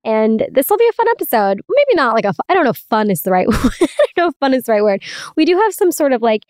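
A woman's voice: fairly high pitch, darkish tone, clean tone, no room sound. Woman chatting casually inside a closet, very dry sound. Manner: informal, confiding, giggly. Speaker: podcast host. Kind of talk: casual solo podcast chat. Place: inside a small closet with towels.

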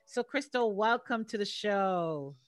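A woman's voice: mid-range voice, animated, unhurried, no echo. A woman hosting a faith-based podcast, upbeat and welcoming, laughing often with her guest. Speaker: podcast host.

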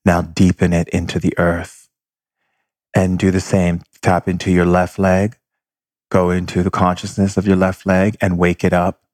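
A man leading a guided meditation with slow, calm instructions. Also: low-pitched, dry recording.

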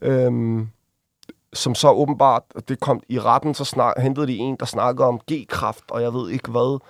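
A man, a guest on an interview, telling a personal story casually, with halting restarts and vivid acted-out quotes. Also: medium pitch, steady tone, dry recording, clean studio sound. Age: adult. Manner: vivid, acts out quoted voices while retelling.

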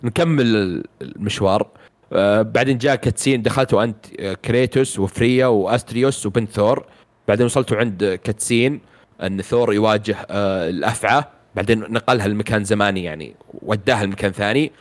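Fast-talking man, low voice. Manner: rambling, many fillers and restarts. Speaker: video game reviewer. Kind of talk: casual chat recapping a game story.

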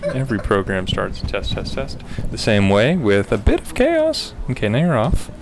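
A male host chats casually for a live radio show aboard a crowded city bus. His voice sits at an average pitch, and the clear rumble of the vehicle surrounds him as he juggles handheld gear. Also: wildly swooping pitch, moderate pace. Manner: talking on a crowded bus amid technical fumbling. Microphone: portable recorder and handheld mics. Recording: noisy moving bus interior. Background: loud vehicle and bus ambience.

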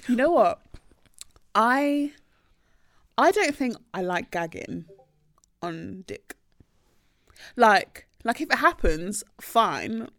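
A woman's voice: a little high, lively intonation, slow, long pauses, fairly bright tone, no echo. A woman hosting a podcast, talking casually and candidly in a conversational way. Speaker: podcast host. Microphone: podcast microphone.

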